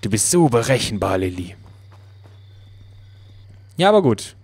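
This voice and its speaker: A man casually commenting on his own gameplay, playful and excitable, talking back to the game. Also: fairly low pitch, unhurried, husky. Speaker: Let's Play commentator.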